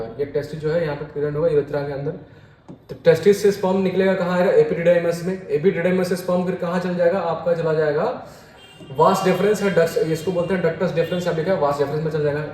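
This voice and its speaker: A man's voice: fairly high pitch, darkish tone. A young man teaching a biology exam lesson, asking his own questions and answering them, and repeating key terms as he goes. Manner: repeats terms, keeps saying "dekho bhai". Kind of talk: exam-prep biology lecture. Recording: echoey room with faint hiss.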